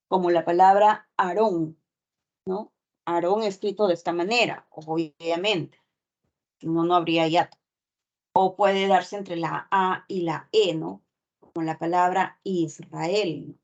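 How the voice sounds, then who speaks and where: Woman teacher lecturing, slow and patient, dull lo-fi sound, keeps asking "right?". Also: lowish voice, creaky. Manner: explains step by step, checks with constant "¿no?". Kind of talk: online class lecture. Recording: dull lo-fi recording.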